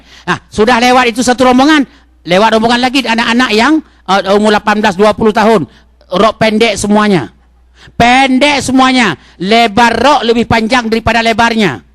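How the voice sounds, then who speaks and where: A man from Indonesia preaching a sermon in a mosque, talking straight to the congregation with questions and swinging from loud exhortation to soft asides. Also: very high-pitched, dry recording.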